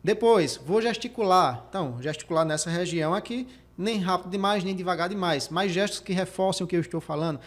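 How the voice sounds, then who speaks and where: A man's voice: sits high, a little fast, few pauses. A man hosting a career podcast, speaking emphatically and repeating his key points as he demonstrates speaking techniques. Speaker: career coach and podcast host. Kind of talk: motivational podcast talk.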